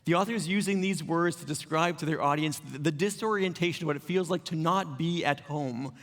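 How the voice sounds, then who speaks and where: A male pastor delivers an earnest, heartfelt sermon. His voice sits a little high, and he sometimes pauses as he chokes up. The sound carries a long reverb from the church sanctuary. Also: a bit bright. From Canada.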